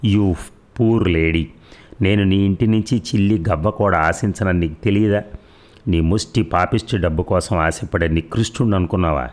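A man voicing an angry young husband who shouts accusations at his wife in an audio story. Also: low voice, normal speed, natural voice. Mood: furious. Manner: furious, accusing.

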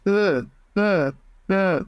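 A woman's voice: mid-range voice, drawn-out words, smooth, highs cut off. A woman from Singapore in her thirties, a psychologist speaking as a guest over a video call headset from a home office, thoughtful, with many fillers and restarts.

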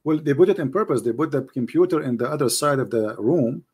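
A debate show host whose first language is Arabic argues emphatically during a call-in debate, repeating himself and using non-native grammar. His medium-pitched voice is animated, quick, a little mellow and husky.

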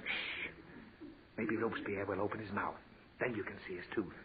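Speaking at a moderate pace on the low side, this man keeps his intonation fairly even and sounds close to everyday speech. He acts the part of a patient, fussy father in a 1940s radio comedy, sentimental and easily flustered while lecturing his naughty daughter, over tinny broadcast audio with faint hiss.

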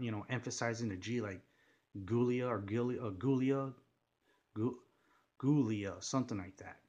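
Rambling gushing man, low voice. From United States. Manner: rambling, many fillers and restarts, gushing. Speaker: car vlogger. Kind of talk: casual unscripted monologue.

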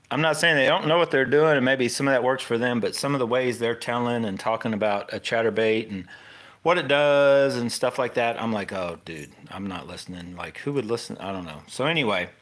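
Rambling and frequently interrupting himself, a middle-aged man with an American accent hosts an informal, unscripted fishing tutorial. He speaks in a mid-range voice with a fairly bright tone.

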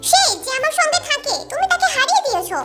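A woman's voice: very high-pitched, sing-song, fast talker, loud music behind the voice, pitched above the performer's own voice. A woman doing a stubborn dreamy young wife. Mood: pleading. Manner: childish pleading and stubborn. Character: dreamy, playful young wife lost in fantasy.

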